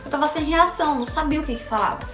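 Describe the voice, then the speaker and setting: Woman, high voice, echoey room, faint music behind, emphatic and slangy. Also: racing. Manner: emphatic, slangy, repeats herself. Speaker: storyteller. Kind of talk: casual storytime.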